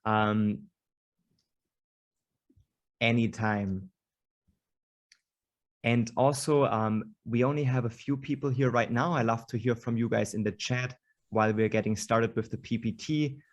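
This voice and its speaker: A man's voice: mid-range voice, steady tone, a little slow, long pauses. A man hosting an online panel over a video call, introducing speakers with many hesitations and fillers. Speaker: host.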